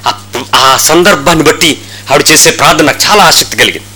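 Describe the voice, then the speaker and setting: A pastor delivering a fervent sermon in a church, his voice high and piercingly bright. He swoops up and down as he retells conversations and fires rhetorical questions. There is a faint hum of noise behind him. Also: expressive, fast, low-quality recording. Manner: impassioned preaching with rhetorical questions and retold dialogue.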